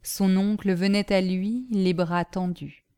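A woman narrating a novel in a measured, literary manner. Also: medium pitch, fairly even intonation, dark tone, clean tone, dry recording.

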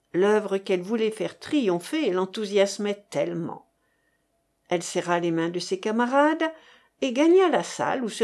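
A woman reading a novel aloud as narration, expressive, voicing the dialogue. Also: fairly high pitch. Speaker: audiobook reader. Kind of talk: scripted narration.

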